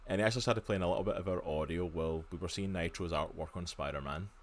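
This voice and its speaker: A man's voice: low-pitched, quick pace. A Scottish man with a Glaswegian accent, in his thirties, co-hosting a casual podcast from home over a video call, chatty and enthusiastic with lots of fillers. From Scotland, near Glasgow. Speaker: podcast co-host. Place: home room.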